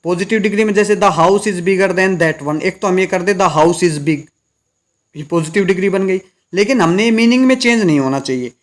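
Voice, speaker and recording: A man's voice: high-pitched, normal speed. A man teaching an English grammar lesson, explaining step by step and answering his own questions. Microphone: recorded lesson video.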